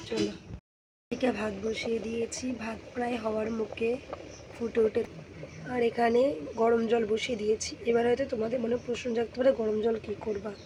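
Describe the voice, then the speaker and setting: A young woman, hoarse from a sore throat, chatting to viewers in a casual home vlog. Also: a little high, little pitch movement, brisk, background noise. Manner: chatty, addresses viewers warmly as friends. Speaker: vlogger. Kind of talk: casual daily-life vlog narration. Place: home kitchen and courtyard.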